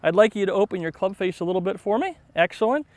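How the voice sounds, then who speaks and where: A man's voice: high voice, expressive, fast talker. A man working as a golf commentator and instructor, speaking in an encouraging, praising manner. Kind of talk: golf commentary and short game lesson.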